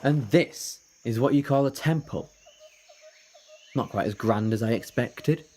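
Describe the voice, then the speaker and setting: A man's voice: medium pitch, unhurried, darkish tone, a little hiss or hum, lightly acted. A man playing a self-assured, eccentric adventurer in an audio drama, musing aloud in a theatrical, slightly pompous way. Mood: unimpressed. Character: brisk, self-assured eccentric time-travelling male adventurer.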